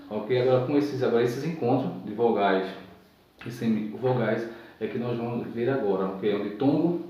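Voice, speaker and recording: A man teaches a grammar lesson at an even, patient pace, going over each point more than once and stopping to check that his listeners follow. He sounds some way from the mic in a very echoey room. The sound is dull and muffled. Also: medium pitch, recorded from a distance.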